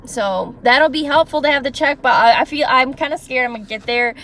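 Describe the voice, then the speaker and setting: Young woman, fairly high voice, passionate story-time vlogger, indignant and talkative. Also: fairly quick, a bit bright. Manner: acts out her boss and others in quoted voices.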